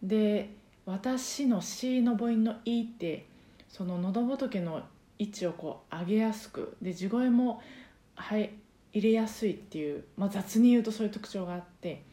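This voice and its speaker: A chatty woman talks through her points in a soft, breathy voice full of little fillers. Her tone is mellow and warm rather than bright. She sounds as if she is in an echoey room. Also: mid-range voice, normal speed. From Osaka, Japan. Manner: chatty, explanatory, many fillers. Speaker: podcast host and karaoke teacher. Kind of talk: casual solo podcast talk.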